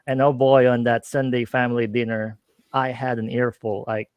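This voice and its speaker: On a lo-fi recording with no room sound, a middle-aged man with a Filipino accent speaks in a clear, resonant, mid-range voice, level in tone and at normal speed. He co-hosts a casual streamed talk show, upbeat while frequently hesitating with fillers.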